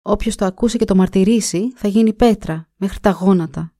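A woman's voice: medium pitch, warm tone, no echo, studio quality, close to an everyday voice. A woman reading a folk tale aloud and voicing a bold, stubborn young man who gives curt, insistent commands. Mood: earnest. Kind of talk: storybook reading.

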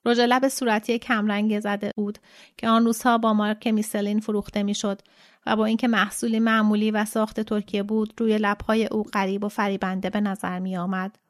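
A woman translator who reads a literary novel aloud in a calm, measured voice. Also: medium pitch, no room sound, studio quality. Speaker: translator and reader. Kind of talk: literary audiobook narration.

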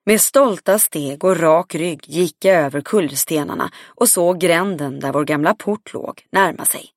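A woman's voice: low voice, dry recording, studio quality. Woman reading a first-person audiobook. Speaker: audiobook narrator. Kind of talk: scripted first-person narration.

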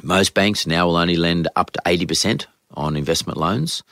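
An Australian man hosting a podcast in conversational, off-the-cuff talk, his voice croaky from a cold. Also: sits low, moderate pace, a bit bright, dry recording, studio quality. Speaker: podcast host. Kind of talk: unscripted solo podcast talk on news and economics.

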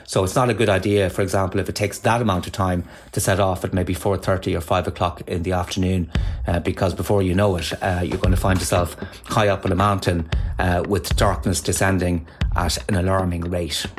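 A man with a lowish voice and a west of Ireland accent talks as an interview guest. He explains in a measured, discursive way, conversational and anecdotal. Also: level tone, slightly rough, soft background music. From Galway, west of Ireland.

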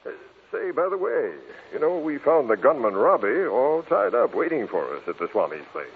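A police commissioner, brisk and matter-of-fact, slightly husky, tinny old radio. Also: male voice, a little high, sing-song, heavily acted. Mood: explaining. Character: middle-aged police commissioner, brisk and explaining. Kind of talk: 1940s radio acting.

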